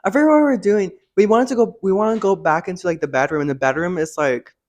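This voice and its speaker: Young man, slightly high voice, casual conversational teller of real-life spooky stories. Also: fast. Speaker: storyteller sharing personal ghost stories.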